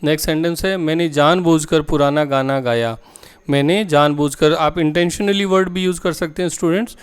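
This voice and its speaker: Clear-voiced teacher. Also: male voice, on the high side. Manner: reads each English example slowly twice; explains in Hindi, addresses students directly. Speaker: English teacher. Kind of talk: Hindi-medium English lesson.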